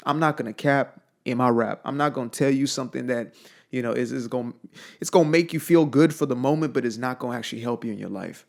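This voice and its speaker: A man's voice: mid-range voice, gravelly. A young man from Zimbabwe giving an emphatic, blunt motivational monologue, repeating phrases for weight. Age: young adult. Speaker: motivational speaker.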